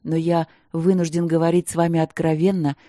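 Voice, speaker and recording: A middle-aged prince consort chooses his words with formal reluctance, as a woman reader lowers her voice for him. He sounds dark and measured, recorded dry and close. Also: little pitch movement, no echo, natural voice. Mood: reluctant.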